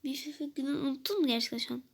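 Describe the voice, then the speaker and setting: Said by a woman playing an annoyed girl friend in a toy game role-play, pitched a touch high. She scolds and sounds exasperated, with the friend's lines coming out sharp. It stays an everyday voice, only lightly acted. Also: very fast, vocal fry. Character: annoyed young girl friend Pamuk Şeker.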